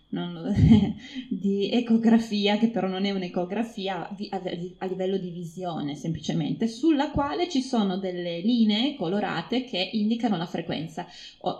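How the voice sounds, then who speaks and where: A woman researcher giving an informal talk to an audience, explaining her field with many pauses and fillers. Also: medium pitch, a little mellow, dull audio. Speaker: phonetics researcher speaking at an event. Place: room with a live audience.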